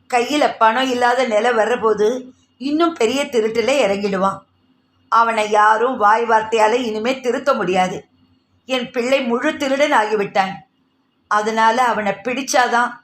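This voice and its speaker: High-voiced woman narrating a novel. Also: fairly bright tone, reverberant. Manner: reads characters' dialogue in her own voice.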